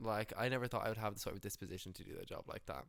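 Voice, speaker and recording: A young Irish man, a musician and teacher, chats casually in an interview, joking around and saying "like" constantly. His voice is on the low side, creaky and a bit bright, and he talks at a racing pace. The recording is dry with clean studio sound.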